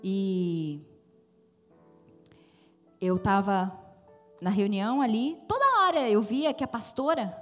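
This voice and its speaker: A woman's voice: medium pitch, animated, takes it slowly, long pauses, faint music behind. A middle-aged woman from Brazil, speaking as a guest at a women's church event, telling a personal story and acting out the dialogue. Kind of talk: storytelling sermon talk.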